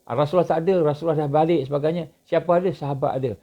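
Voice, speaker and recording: Malaysian Malay preacher with swooping delivery. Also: male voice, fairly even intonation, rapid-fire, gravelly. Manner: rhetorical questions, sudden swings in pitch and loudness. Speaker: Islamic preacher. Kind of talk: religious lecture. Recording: dull lo-fi recording.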